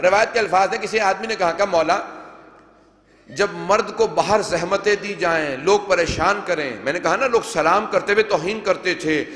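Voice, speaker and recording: A man delivers a majlis sermon on a venue microphone, his voice pitched high. He declaims and acts out quoted dialogue from old narrations. The sound rings in a large hall with long reverb. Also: fairly bright tone. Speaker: preacher.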